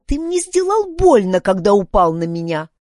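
A woman voicing a bossy, haughty young girl who speaks in a high, indignant voice in a storybook. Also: wildly swooping pitch, moderate pace, darkish tone, no echo, clean studio sound. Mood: complaining.

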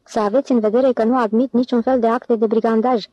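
A woman voicing a scheming, smooth-talking male con man who leads his band in a storybook reading. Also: fairly high pitch, steady tone, dry recording, lo-fi sound, close to an everyday voice. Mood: commanding. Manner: commanding, irritable.

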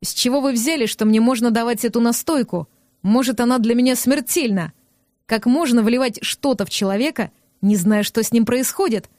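A woman reading a gruff, scornful young man. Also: a little high, moderate pace, darkish tone, no room sound, clean studio sound, natural voice. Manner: curt, snapping, scornful. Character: gruff rude young man, irritable and sharp-tongued.

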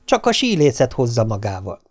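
A man's voice: mid-range voice, wildly swooping pitch, no echo. A man narrating an audiobook with dry, wry storytelling.

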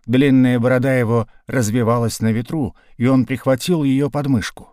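A man reading a novel aloud as narrator, in a measured storytelling way. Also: mid-range voice, dry recording, clean studio sound. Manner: measured storytelling read, lively in action. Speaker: audiobook narrator. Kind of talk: scripted narration.

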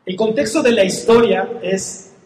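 A man's voice: sits high, measured pace, a little mellow. A man preaching a sermon as pastor, speaking emphatically, repeating key phrases and putting questions straight to the listener. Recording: echoey hall with faint noise.

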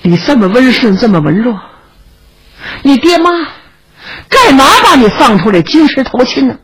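A woman voicing a kind, chatty young male swordsman who coaxes and brags, with a raspy voice. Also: on the high side, very animated, moderate pace, exaggerated voice, poor audio. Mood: coaxing. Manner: coaxing, chatty, a bit boastful.

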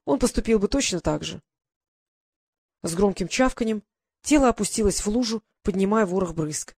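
A woman narrating a first-person adventure novel in an even, measured storytelling manner. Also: mid-range voice, breathy edge, no room sound. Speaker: audiobook reader.

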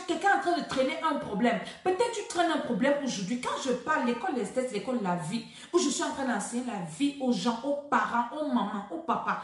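A woman teaching deliverance in a preaching video, exhorting and repeating herself as she speaks straight to the listener. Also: on the high side. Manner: exhorting, repetitive, addresses listener directly. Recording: very echoey room, voice far from mic.

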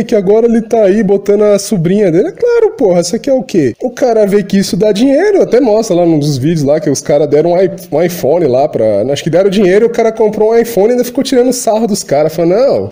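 Profane, ranting Brazilian man, very bright. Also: high voice. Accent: Brazilian Portuguese. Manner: profane, agitated rant. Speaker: channel host. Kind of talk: ranting monologue.

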